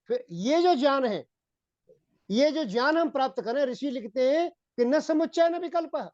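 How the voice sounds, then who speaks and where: A man's voice: very high voice, no echo. Male Vedic preacher, repetitive sermon. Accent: Hindi. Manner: repetitive, addresses listeners as gentlemen. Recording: dull, dry lo-fi recording.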